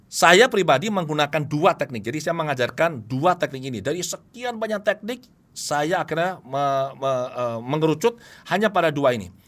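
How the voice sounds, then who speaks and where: This is a middle-aged man giving a lecture on therapy technique, his voice sitting a little high. He is animated, with a pitch that rises and falls sharply as he slips into the voices of his clients. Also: normal speed. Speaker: hypnotherapy instructor. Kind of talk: lecture presentation.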